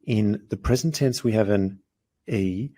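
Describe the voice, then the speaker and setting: A man gives a grammar lesson, patiently working through example sentences and slowing down so the foreign phrases come out clearly. His voice sits on the low side and sounds warm.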